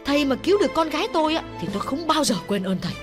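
A man's voice: expressive, very fast, music in the background. A man voicing an anxious, secretive middle-aged wife of a city party official who begs for help. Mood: pleading. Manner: pleading, secretive, voice rising high.

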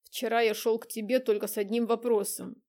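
Woman reading young guy pressing his question, storybook voice, kinda higher. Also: level tone, brisk, darkish tone, natural voice. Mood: insistent. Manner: insistent questioning. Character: hungover young man, persistent suitor.

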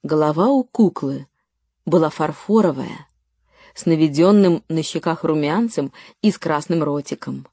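A woman reading a children's story aloud as narrator, in a steady, even storytelling manner. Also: sits low, normal speed, no echo, clean studio sound. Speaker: audiobook narrator. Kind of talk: scripted narration.

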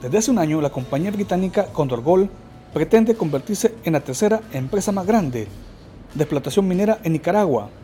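A man reading a scripted radio news report in a measured, even way. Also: high voice, soft background music. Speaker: field reporter.

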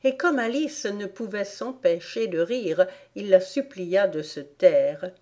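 Slow, mellow woman reading a storybook. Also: medium pitch, expressive. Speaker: audiobook reader. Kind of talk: storybook narration.

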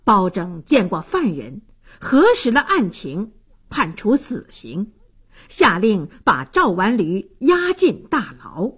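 Slow, lilting woman storyteller, husky. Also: on the high side. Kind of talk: slow, lively storytelling narration. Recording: radio broadcast.

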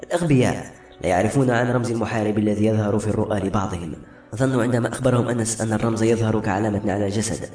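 A man narrates a novel briskly and expressively in a low voice. The recording is roomy, with faint music underneath. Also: darkish tone. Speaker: audiobook narrator. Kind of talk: dramatic novel reading.

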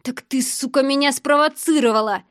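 Brief: drunk, bullying young thug, loud and crude, raised pitch when shouting; woman reads him. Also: normal speed, no echo, clean studio sound, close to an everyday voice. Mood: menacing. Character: drunk, aggressive young man, threatening and crude.

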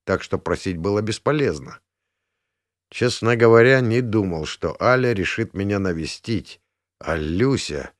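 A man narrates an audiobook with an expressive, storytelling delivery. His low voice moves through a wide, lively pitch range. The recording is dry and close, with no room sound. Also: no echo.

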